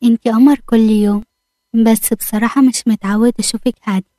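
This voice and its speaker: A woman's voice: a little high, fairly even intonation, fast, dark tone, no room sound, close to an everyday voice. A woman reading a teasing Egyptian young man. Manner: playful, coaxing.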